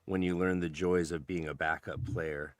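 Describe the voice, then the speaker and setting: A man chats on a podcast roundtable in a halting way, full of fillers, with a gently humorous tone. His voice is very low. The recording is dry and close. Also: fairly even intonation, no room sound. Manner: hesitant, many fillers and restarts, gently humorous. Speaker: podcast co-host. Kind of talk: casual roundtable chat.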